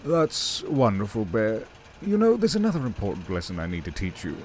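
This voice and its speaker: A man voicing a sleepy, grand old express steam engine, talking slowly and drowsily. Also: on the low side, wildly swooping pitch, a little mellow, a little hiss or hum. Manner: slow, drowsy speech.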